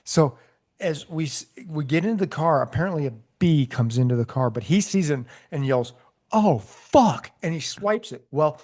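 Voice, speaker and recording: Male co-host, ex-cop storyteller, slightly high voice, animated, laughs through his anecdotes. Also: a little fast. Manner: animated storyteller, laughs often, shouts quoted lines. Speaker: podcast co-host, former police sergeant. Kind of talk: casual storytelling chat.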